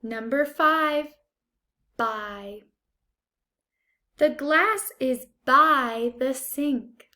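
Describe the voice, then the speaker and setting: A woman speaking as a first-grade teacher, giving a spelling test dictation with deliberate, enunciated delivery. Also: high voice, sharp tone. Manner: deliberate, enunciated, repeats single words. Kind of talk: spelling test dictation, word then example sentence.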